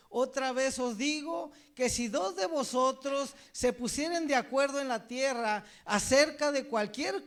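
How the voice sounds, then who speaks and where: A man's voice: extremely high pitch, fairly bright tone. A man preaching a sermon, reading scripture aloud and putting rhetorical questions to his listeners, often calling them brother. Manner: reads scripture aloud, then asks the congregation rhetorical questions; addresses listeners as brother, with many filler "right?" tags.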